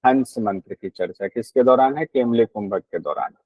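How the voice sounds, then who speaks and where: A man's voice: medium pitch, moderate pace, dry recording, phone-quality sound. A man teaching a class on a yoga text, explaining patiently, repeating key points and asking his students questions.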